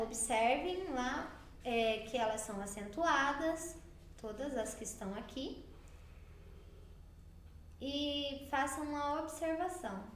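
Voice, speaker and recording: Brazilian lady teacher going thru a worksheet for kids, high voice, slow and patient, echoey room w/ a bit of hiss. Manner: slow, patient, explaining step by step. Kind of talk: recorded remote class walkthrough.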